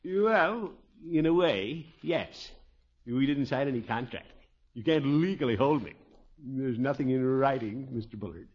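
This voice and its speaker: An actor playing a blustering, evasive middle-aged uncle in a 1950s radio comedy, stammering and theatrical. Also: male voice, medium pitch, expressive, unhurried, a little mellow, close to an everyday voice. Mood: apologetic, evasive. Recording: noisy, muffled old radio broadcast.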